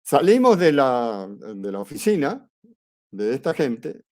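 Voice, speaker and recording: A man's voice: medium pitch, takes it slowly. A man teaching a class, telling a personal story in a conversational way and acting out the dialogue. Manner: lively anecdote, acts out quoted dialogue; conversational, with fillers and restarts. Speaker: astrology teacher.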